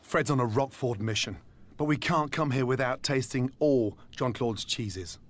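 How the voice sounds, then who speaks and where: A man giving calm, measured scripted narration for a travel documentary. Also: mid-range voice. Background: music.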